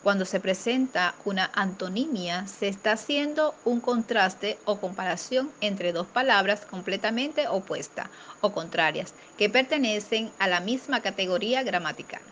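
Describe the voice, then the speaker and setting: A woman teacher reading a grammar lesson aloud in a steady, careful way, slowing down for example words. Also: medium pitch, slight background noise.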